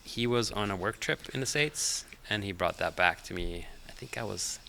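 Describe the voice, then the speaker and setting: A middle-aged man from Finland, a podcast guest whose first language is Finnish, chatting in a relaxed, hesitant way with many fillers. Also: lowish voice, moderate pace, gravelly, a little hiss or hum. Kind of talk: casual interview chat.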